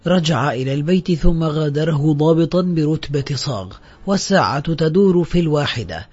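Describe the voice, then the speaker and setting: A man narrating an audiobook in a measured literary reading, in a dull lo-fi recording with faint music behind. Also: fairly high pitch, expressive, darkish tone, slightly rough.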